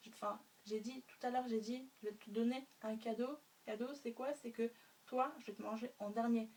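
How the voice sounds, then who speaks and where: A woman's voice: a little high, steady tone, normal speed, darkish tone, lightly acted. A woman voicing a menacing male Cyclops in a story she is retelling, with a slightly raised, plain voice. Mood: gloating. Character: one-eyed giant Cyclops, male, cunning and menacing. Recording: faint room noise, mic a bit distant.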